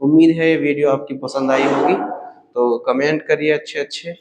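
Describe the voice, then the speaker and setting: A man's voice: fairly high pitch, steady tone, moderate pace, noisy background. A man teaching letters in a patient lesson, repeating each sound and asking it back. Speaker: Urdu reading teacher.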